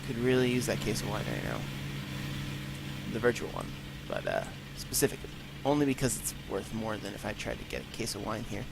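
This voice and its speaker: A man with a fairly low, gravelly voice and a brisk, sing-song delivery hosts a gaming channel, offering rambling, self-mocking let's play commentary. Allergies make him a bit congested, and music plays behind him in his unpaneled room.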